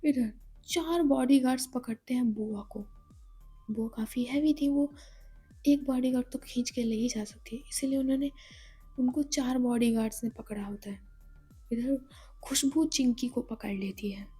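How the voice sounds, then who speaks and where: A woman tells a story in a soft, half-whispered voice that sits high yet sounds mellow and dark. Faint music plays underneath her narration. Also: moderate pace, husky.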